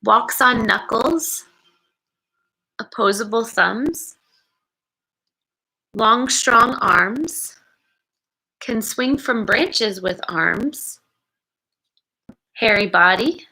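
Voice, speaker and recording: Reading a picture book to a group of kids, a female educator sounds expressive and supportive, breaking off now and then to muse aloud and talk to them directly. Her pitch sits slightly high, captured on a poor-quality recording.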